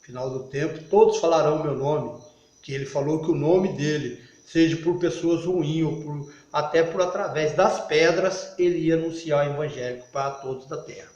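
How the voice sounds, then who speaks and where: A man preaching an informal video sermon in a fairly high voice, stumbling and restarting as he goes. He climbs into loud, emphatic bursts. The sound is muffled and rings with room echo. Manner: halting, frequent restarts. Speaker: lay preacher. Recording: echoey, muffled recording.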